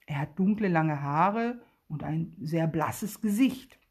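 Hauchige Frau, die eine Kindergeschichte vorliest. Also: female voice, low-pitched, slightly rough. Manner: lively, expressive storytelling. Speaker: storyteller. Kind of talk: reading a children's story aloud.

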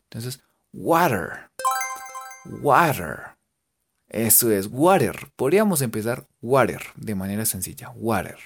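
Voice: medium pitch, expressive, moderate pace, gravelly, a little mellow, faint music behind. A teacher with a Colombian Spanish accent, playfully spelling out English cooking words letter by letter and making jokes. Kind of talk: spelling out vocabulary in a casual lesson.

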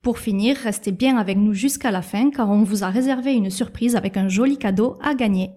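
A woman in her thirties co-hosting a casual podcast, explaining things in a measured way with soft hesitations. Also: mid-range voice. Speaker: podcast co-host.

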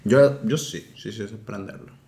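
A man from northern Mexico with a northern Mexican accent, a podcast guest chatting casually in relaxed slang. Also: lowish voice, normal speed, roomy sound, over a noisy crowd. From northern Mexico (Sonora). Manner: laid-back, slangy, laughs easily.

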